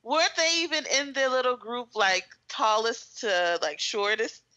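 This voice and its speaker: A woman's voice: a little high, expressive, normal speed, bright, forceful tone, dull audio. A woman co-hosting a podcast, adding short reactions and agreeing asides to a TV review chat. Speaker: podcast co-host.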